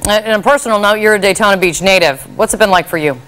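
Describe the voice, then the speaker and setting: A woman's voice: medium pitch, rapid-fire, a bit bright, rough recording. A woman news anchor conducting a live broadcast interview from a studio.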